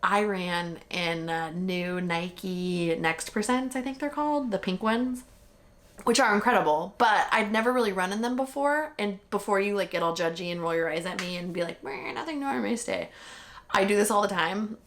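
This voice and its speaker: A woman's voice: medium pitch, normal speed. A young woman vlogger telling her own marathon story in a candid, chatty way, full of fillers and mild swearing. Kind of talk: casual chat.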